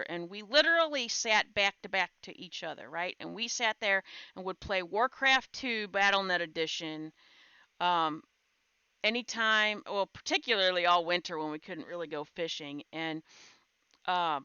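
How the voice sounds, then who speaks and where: A woman hosting a live stream, telling a funny story in a casual, animated way and laughing along. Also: mid-range voice, clean tone, no room sound, highs cut off. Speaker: stream host.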